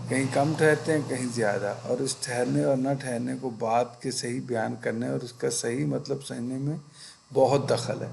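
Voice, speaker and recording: A man teaching a Quran lesson, explaining patiently and deliberately, sometimes pausing to search for words. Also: mid-range voice, gravelly, a little mellow, a little hiss or hum, poor audio. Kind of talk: religious lesson, explaining step by step.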